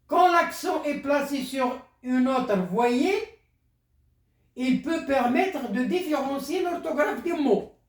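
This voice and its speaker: Slow, lively-pitched teacher in an echoey room. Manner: repeats words, explains step by step. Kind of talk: primary school lesson.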